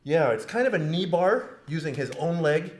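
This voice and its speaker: In a training mat room, a grappling instructor demonstrates techniques on a partner, walking through every step with an easygoing, jokey style. His voice is slightly high, animated and a little mellow, at a normal speed, and the room sounds spacious.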